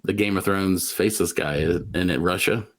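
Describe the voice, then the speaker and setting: Low-voiced man rambling in casual chat. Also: normal speed. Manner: rambling, full of filler 'like'. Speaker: podcast co-host.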